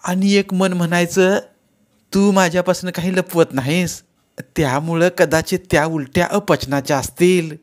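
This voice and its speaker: A man voicing an old village mother-in-law with a rural Marathi accent, scolding and doting in a high, loud voice. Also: steady tone, measured pace. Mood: fussing.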